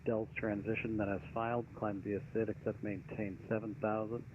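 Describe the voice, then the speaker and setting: A male air traffic controller gives procedural radio instructions in a lowish, flat voice. The radio channel is dull and clearly noisy. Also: normal speed. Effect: aviation radio.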